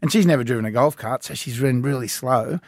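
A man telling a story on a casual podcast, acting out quotes in higher voices. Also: fast talker, no echo, clean studio sound. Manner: animated storyteller, acts out quotes in high voices. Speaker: podcast co-host.

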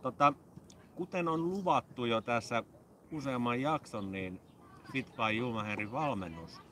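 A man's voice: mid-range voice, animated, pushed and bright, slight background noise. A man co-hosting a podcast, giving jokey mock-serious fitness instructions in casual chat. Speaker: podcast co-host.

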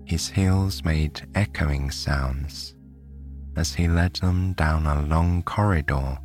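A British man from the United Kingdom narrating a bedtime sleep story in a soft, soothing way. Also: a bass voice, slow pace, music in the background.

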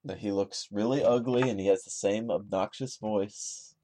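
A man who is a guest on a casual podcast, dropping quick deadpan quips. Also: lowish voice. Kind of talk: casual chat.

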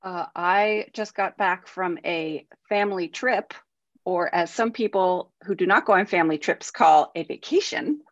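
A woman's voice: on the low side, unhurried, no room sound. A tired woman co-hosting a screenwriting podcast in casual, chatty talk. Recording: dry, slightly dull audio.

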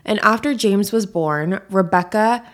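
A woman's voice: medium pitch, unhurried. A woman hosting a podcast as a true crime narrator, talking in a casual, conversational way straight to her listeners. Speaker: podcast host.

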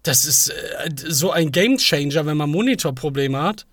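A man's voice: a little high, expressive, moderate pace, fairly bright tone. A man in his thirties hosting a casual podcast chat, joking and rambling. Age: 30s. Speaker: podcast host.

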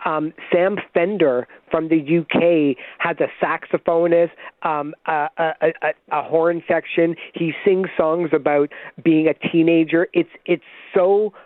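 A man joining a radio talk show by phone, explaining in an enthusiastic, fast way. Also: fairly high pitch, fairly even intonation, no echo. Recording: tinny phone line.

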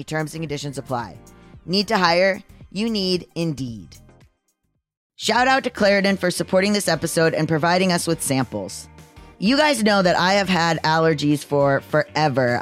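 An androgynous, mid-pitched voice, deepened by testosterone and a little strained. The podcast host delivers scripted sponsor reads conversationally, slipping in personal asides, with music behind. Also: fairly bright tone.

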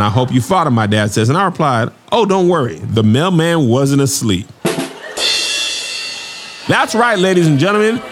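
An actor playing a cheeky young salesman and comedian who cracks jokes in a fast stand-up patter. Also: sits high. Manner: wisecracking stand-up patter with sudden shouts. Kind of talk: comedic audio drama acting.

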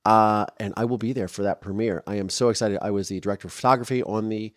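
A man in his thirties hosts a podcast in a lowish, steady voice at a fast pace, rambling casually with fillers and restarts. He's openly emotional at times, his voice softening when moved. The studio sound is clean with no echo.

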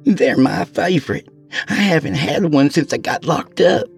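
A man's voice: on the high side, expressive, unhurried, creaky, slightly rough, soft background music, pitched above the performer's own voice, heavily acted. A man voicing a blunt, food-obsessed young woman in jail who gripes and wheedles. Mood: wheedling. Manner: complaining, wheedling.

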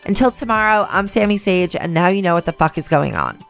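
A woman's voice: on the low side, very animated, quick pace, vocal fry, faint music behind. A woman hosting a news podcast, reading scripted briefings and sponsor copy in an informal, wry manner.

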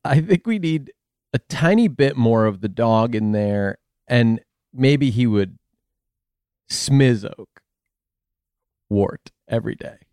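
A man co-hosting a comedy podcast, teasing his co-hosts in a deadpan way. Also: medium pitch, measured pace, clean tone, dry recording, clean studio sound. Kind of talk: improv comedy banter.

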